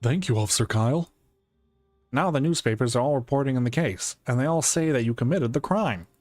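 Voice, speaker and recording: A man's voice: mid-range voice, animated, a little fast, darkish tone, dry recording, lightly acted. A man voicing a polite young man in a detective game, earnest and deferential as a prisoner's younger brother. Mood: earnest, grateful.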